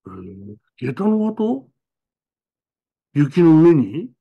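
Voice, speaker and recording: A man's voice: on the high side, big pitch swings, very slow, muffled recording, pitched above the performer's own voice, full character voice. A man voicing a curious schoolboy who stammers and asks questions in a raised voice. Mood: startled. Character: curious city schoolboy, startled.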